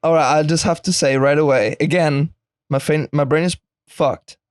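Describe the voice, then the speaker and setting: A man's voice: on the high side, fairly even intonation, normal speed, clean tone, no room sound, studio quality. A man hosting a podcast, chatting playfully and laughing often. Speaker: podcast host. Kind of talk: casual chat.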